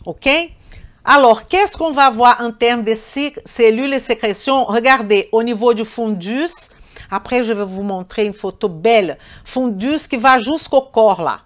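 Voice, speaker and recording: Accented woman giving a live class online, pretty high voice, keeps stressing points and repeating herself. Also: measured pace. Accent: foreign accent. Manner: emphatic, repeats words, corrects herself; answers chat questions directly. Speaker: nutrition trainer.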